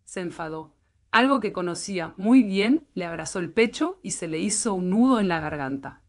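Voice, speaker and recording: A woman narrating a story in a calm, soothing bedtime reading voice. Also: lowish voice, normal speed. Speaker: audiobook narrator.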